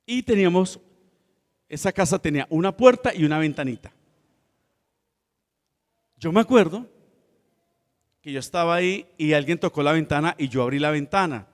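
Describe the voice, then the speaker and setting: A man preaching a sermon as pastor, telling a story in a relaxed way with laughter and acted-out voices. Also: fairly high pitch, moderate pace, pauses often, long reverb tail.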